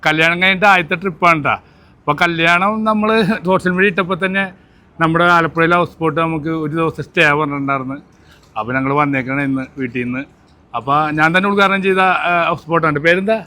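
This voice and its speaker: A man's voice: on the high side, fast talker, sharp tone. A man with a Kerala accent giving a casual vlog tour, mixing English words into Malayalam and often prompting his companion with short questions. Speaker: travel vlogger.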